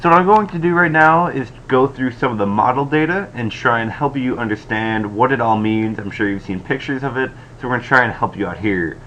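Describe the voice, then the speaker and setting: A man with a fairly low voice explains a weather forecast in update style. The recording sounds like a cheap microphone, dull and lo-fi. Faint noise sits behind his voice. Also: a bit bright. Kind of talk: explanatory weather update commentary over maps. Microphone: cheap stand-in microphone.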